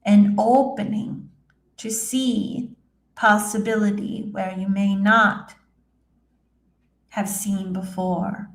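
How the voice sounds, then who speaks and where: A woman speaking as a seance medium, voicing a serene female spirit guide with halting, solemn phrases and long pauses. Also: mid-range voice, flat delivery. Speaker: trance channeler, seance medium. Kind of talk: trance channeling, addressing listeners as a spirit. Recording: roomy, echoing sound.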